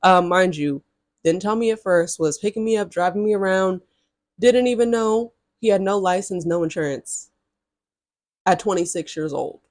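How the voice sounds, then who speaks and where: Chatting sassily to her viewers, a vlogger in her early twenties shares a casual storytime, often breaking off for direct asides. She speaks at a moderate pace in a low, darkish voice. The recording is dry and studio quality.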